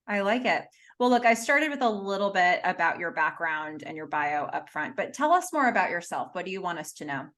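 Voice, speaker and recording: A woman's voice: fairly low pitch, big pitch swings, fairly quick, few pauses, a bit bright. A woman hosting an interview as a motivational speaker, enthusiastic and upbeat. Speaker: host, motivational keynote speaker.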